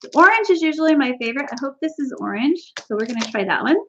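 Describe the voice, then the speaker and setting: Chatty woman, giggly, live-stream snack tasting, higher voice, slightly dull lo-fi audio. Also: animated, fast talker, sharp tone, slight background noise. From Canada. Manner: chatty, giggly, talks to chat viewers.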